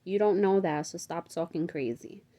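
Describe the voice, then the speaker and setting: A woman's voice: fairly low pitch, moderate pace, lightly acted. A woman reading aloud as a practical, level-headed sister who speaks firmly. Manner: firm, calming.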